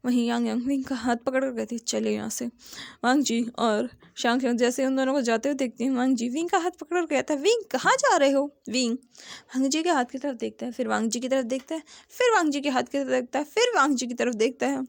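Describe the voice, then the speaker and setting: A woman retelling a drama series episode as a steady, plain storyteller, speaking close to the mic. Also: high-pitched, fast talker, vocal fry, no room sound.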